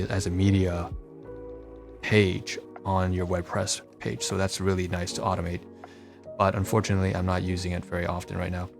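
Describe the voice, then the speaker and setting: A podcast host with a deep, gravelly voice gives a casual, unscripted screen-share walkthrough of his websites. He rambles along and frequently corrects himself.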